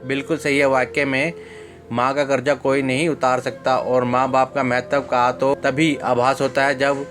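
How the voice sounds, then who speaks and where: A man narrating an emotional moral story in a steady, even storytelling manner. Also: mid-range voice, normal speed, soft background music.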